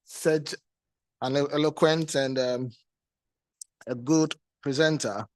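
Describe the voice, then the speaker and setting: A Ghanaian man with a fairly high voice acts as session chair at a conference. His introduction is formal and deliberately phrased, with some halting. The sound is very dry. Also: steady tone, dry recording.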